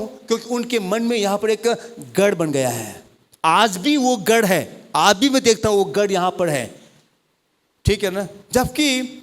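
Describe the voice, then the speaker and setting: High-pitched preaching man, fervent pastor. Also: fairly bright tone. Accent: Indian English. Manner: preaching fervently, calling on the congregation to repeat words. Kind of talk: sermon. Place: church hall.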